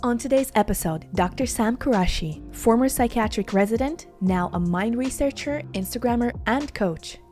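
A woman's voice: a little high, animated, moderate pace, few pauses, music in the background. A woman hosting a podcast, asking open, curious questions. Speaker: podcast host. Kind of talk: interview hosting.

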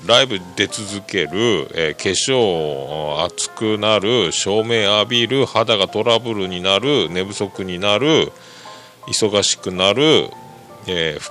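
A man hosting a podcast, rambling casually about music in a chatty, lively way. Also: lowish voice. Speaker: podcast host.

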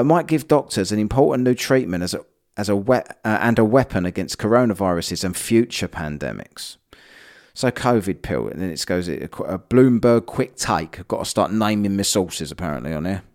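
Solo podcast host, man with a lowish voice, blunt and sweary. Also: lively intonation, moderate pace, a little mellow. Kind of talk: casual solo commentary.

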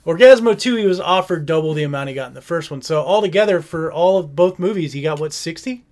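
A man's voice: on the high side, animated, fast talker, a little mellow. A man in casual podcast chat, rambling as he recaps a movie plot and quoting scenes. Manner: rambling, quotes scenes in silly voices.

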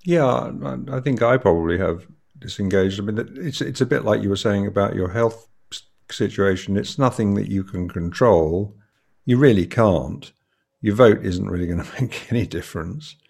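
A man's voice: lowish voice, normal speed, gravelly, darkish tone. An older man co-hosting a podcast, talking hesitantly with many fillers. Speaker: podcast co-host. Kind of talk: casual podcast chat.

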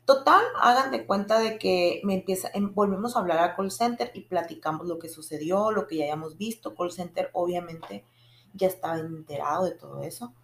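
A young woman tells a personal story to her viewers in a casual, animated way. Frustration runs through how she tells it. Her voice has a gravelly fry, and the room around her echoes. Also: fairly low pitch, brisk, a little hiss or hum. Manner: animated, frustrated retelling with frequent restarts and acted quotes. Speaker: vlogger.

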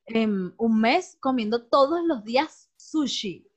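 A woman speaks openly and reflectively in a casual podcast conversation, her voice on the higher side and lively in its storytelling. The sound is dull and lo-fi. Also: takes it slowly. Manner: candid, reflective, animated storyteller. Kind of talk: casual heartfelt chat. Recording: dull lo-fi recording.

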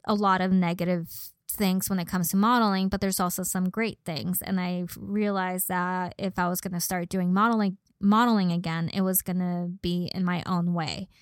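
A young woman with a lowish voice speaks at normal speed with fairly even intonation and few pauses, captured in clean studio sound without room echo. Mexican-born and from Los Angeles, this model and personal trainer has a slight Valley girl Californian accent and chats casually as a podcast guest.

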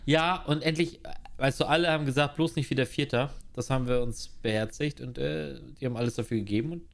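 A man's voice: mid-range voice, fast, creaky. A man on a casual podcast, blunt and slangy, ranting sarcastically with restarts and emphatic swearing. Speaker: podcast co-host. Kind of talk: casual chat.

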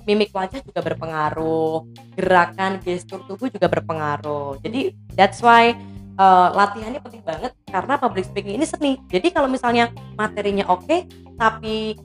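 A woman's voice: mid-range voice, normal speed, soft background music. Woman explaining public speaking techniques. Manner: explanatory, animated demonstrations. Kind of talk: casual podcast chat, explaining techniques. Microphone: podcast mic.

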